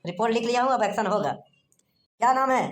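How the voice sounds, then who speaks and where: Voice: mid-range voice, normal speed, slight background noise, close to an everyday voice. A performer voicing a bossy, curt police inspector in a cartoon comedy, barking orders and mocking people. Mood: gruff. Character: gruff, lazy small-town police inspector.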